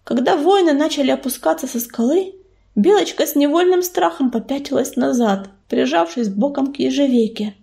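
Expressive high-voiced woman narrating. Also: normal speed, vocal fry. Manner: expressive, dramatic. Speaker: audiobook narrator. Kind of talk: scripted storybook narration.

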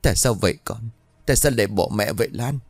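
A man's voice: on the low side, quick pace, slightly rough, dry recording, voice pushed up. A man voicing a grieving middle-aged mother in a told ghost story, speaking with sorrow.

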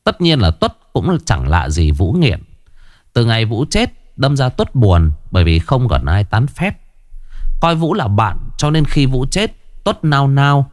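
A man narrating a ghost story in an animated, colloquial storytelling manner. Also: mid-range voice, measured pace, dry recording, studio quality.

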